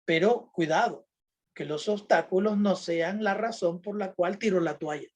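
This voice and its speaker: A man's voice: sits high, moderate pace. A man giving a lecture on critical thinking to a religious group, checking in with his listeners through constant tag questions and plain everyday examples.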